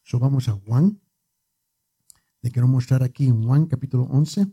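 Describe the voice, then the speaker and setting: A man's voice: medium pitch, moderate pace, mellow, breathy edge. A male preacher giving a conversational sermon, repeating words for emphasis and joking with his congregation.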